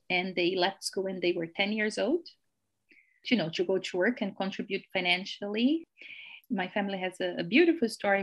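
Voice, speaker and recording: A woman in her forties speaks English with a Brazilian Portuguese accent. She tells her story as a podcast guest, earnest and measured, now and then restarting a phrase. Her pitch sits in the middle for a woman. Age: 40s. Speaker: executive coach, podcast guest. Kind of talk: interview, telling her life story.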